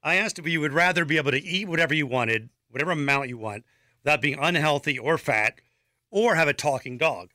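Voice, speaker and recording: Bright-voiced teasing male radio host. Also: on the high side, a little fast, dry recording, studio quality. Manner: teasing, argumentative, reads listener comments. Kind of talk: casual banter.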